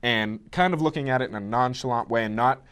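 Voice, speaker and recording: Man, mid-pitched, easygoing sports co-host who rambles and restarts. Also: fast talker, a bit bright, clear, resonant tone. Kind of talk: casual sports chat.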